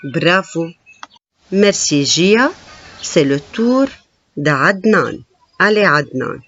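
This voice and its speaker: Very slow patient teacher woman. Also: lowish voice, animated, fairly bright tone, lo-fi sound. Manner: slow, patient, syllable-by-syllable counting. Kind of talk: classroom reading lesson.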